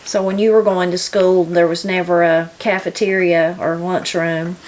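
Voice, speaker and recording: A woman's voice: on the low side, flat delivery, normal speed, darkish tone, slight background noise, low-quality recording. A woman with a Southern Appalachian accent conducting a casual interview, asking informal questions and often murmuring short acknowledgements. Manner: informal, attentive backchannelling.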